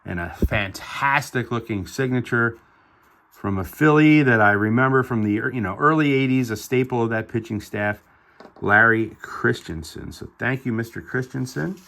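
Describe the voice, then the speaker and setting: Bright-voiced enthusiastic middle-aged man. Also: mid-range voice, moderate pace, vocal fry. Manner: upbeat and enthusiastic, chatty asides. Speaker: card collector vlogger. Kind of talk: casual show-and-tell narration.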